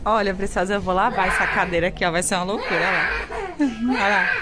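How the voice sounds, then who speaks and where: A woman's voice: medium pitch, fairly even intonation, quick pace, very noisy. A Brazilian woman filming a casual home vlog in her bedroom, chatting animatedly and exclaiming to her little ones as she cleans. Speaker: vlogger and mother. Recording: loud music over the voice. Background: loud background music.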